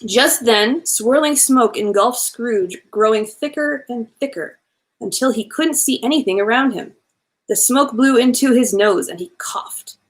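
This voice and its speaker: Reading a storybook to children at a measured pace, a woman uses her fairly high voice in a lively, animated way, like a bedtime storyteller at play, adding playful asides for her audience.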